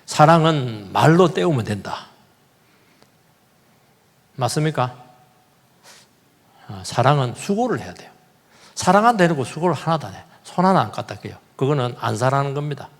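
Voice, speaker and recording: A male pastor preaching a sermon in a church, animated, repeating key words and putting questions to the congregation. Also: a little high, gravelly, long reverb tail. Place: church sanctuary.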